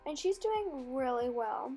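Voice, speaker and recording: A woman's voice: sits high, big pitch swings, a little slow, over loud music. A woman narrating her riding lesson as a casual vlog voice-over, in a chatty, rambling storytelling way.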